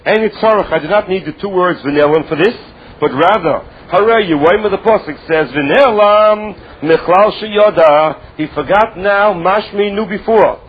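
A man's voice: high voice, moderate pace, husky, lo-fi sound. A man with a Yiddish accent teaching a religious text, explaining emphatically with repetition and rhetorical questions. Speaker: Talmud teacher.

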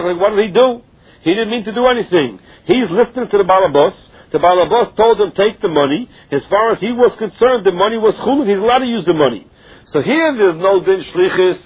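Male Talmud teacher, high husky voice, Yiddish-influenced accent, question-and-answer explaining, lo-fi sound. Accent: Yiddish-influenced English. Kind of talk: religious text lesson, reading and explaining. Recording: dull lo-fi recording.

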